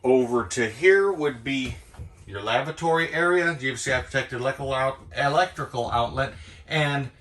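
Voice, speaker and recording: A man's voice: medium pitch, a bit bright. Chatty man giving a playful sales tour. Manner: chatty and playful, with jokey sound-effect asides; talks quickly, cramming in details. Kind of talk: product walkthrough tour. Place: inside a travel trailer.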